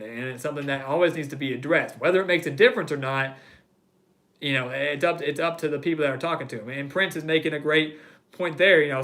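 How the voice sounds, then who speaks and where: Guy hosting a live sports chat, gets worked up and repeats himself, sharp bright tone. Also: a little high. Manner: heated ranting, repeats phrases for emphasis. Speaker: host of a live sports show. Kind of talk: live-stream sports talk reading chat comments.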